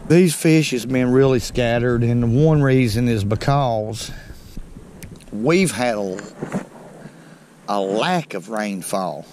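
Middle-aged Southern man, easygoing outdoor fishing vlog host, mid-pitched voice, faint open-air noise behind. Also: darkish tone. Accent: Southern American. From North Alabama. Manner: folksy, unhurried, talks to viewers as "folks". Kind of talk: casual fishing commentary. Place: small boat on a lake outdoors. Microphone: head-mounted action camera.

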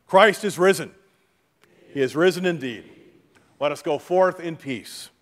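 A middle-aged man speaking as a pastor at a funeral, reading liturgy and prayers in a solemn, measured, formal way. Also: a little high. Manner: solemn, measured, formal delivery with falling phrase endings. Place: large church sanctuary, indoors before a congregation. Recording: reverberant church hall.

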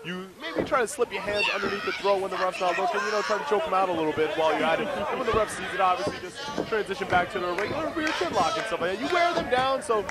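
A man's voice: high-pitched, animated, fast, hardly any pauses, a loud crowd. A man giving color commentary on a wrestling match, rambling and crude.

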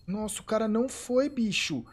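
A Brazilian man giving excited live commentary on a competitive shooter match, swearing and shouting at big plays. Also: sits high, moderate pace, slight background noise. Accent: Brazilian Portuguese. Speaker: esports streamer commentator. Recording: live stream with game gunfire behind.

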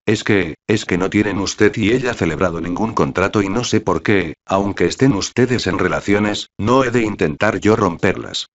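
A man's voice: lowish voice, moderate pace, highs cut off, lightly acted. Man reading as a smug, ironic young rival. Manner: ironic, lecturing. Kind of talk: audiobook dialogue reading.

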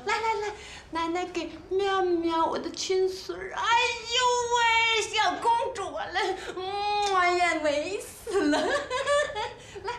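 A woman's voice: very high-pitched, takes it slowly, a little hiss or hum, exaggerated voice. An actress playing a chatty, doting grandmother who coaxes and fusses, in a TV drama. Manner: chatty, coaxing, bursts into flustered panic. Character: doting, fussy grandmother, older woman. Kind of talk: TV drama acting. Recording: echoey room with loud music behind.

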